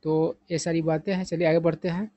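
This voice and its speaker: A man's voice: fairly high pitch, level tone, fairly quick, dark tone, no echo. A man teaching English vocabulary, patient and repetitive, often asking the listener rhetorical questions. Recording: dull, lo-fi sound.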